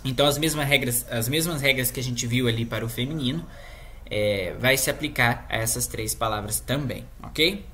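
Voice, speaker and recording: A woman's voice: extremely low pitch, moderate pace, a bit bright. A woman with a Brazilian Portuguese accent teaching a language lesson in a casual, chatty way, checking in with her students often.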